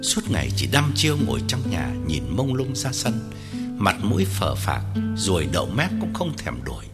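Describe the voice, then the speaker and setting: Expressive male audiobook narrator. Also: lowish voice. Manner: measured, expressive storytelling. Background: guitar music.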